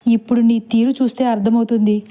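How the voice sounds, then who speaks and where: A woman's voice: fairly high pitch, level tone, fast talker, dark tone, lightly acted. A woman voicing a worried, hot-tempered young wife who scolds emotionally. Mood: angry.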